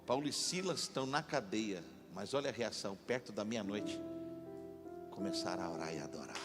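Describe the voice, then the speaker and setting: A man pastor preaching a lively sermon in a church, leading the congregation to repeat after him. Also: fairly low pitch, fairly quick. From Brazil. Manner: animated, call-and-response with congregation. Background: instrumental music.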